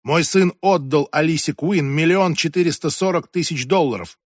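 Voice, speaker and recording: A woman's voice: sits low, normal speed, no room sound, clean studio sound, pitched above the performer's own voice. A man reading an audiobook and voicing a strict, imperious ex-senator in her eighties who talks in a commanding, impatient way. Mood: lecturing. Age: 80s. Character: strict imperious old woman, former senator.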